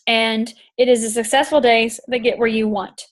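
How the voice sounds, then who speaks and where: Hosting a chat show, this woman reads passages from a book and unpacks them emphatically, circling back to repeat herself. She speaks at a moderate pace in a fairly high voice with fairly even intonation, and a throat tickle brings occasional coughs.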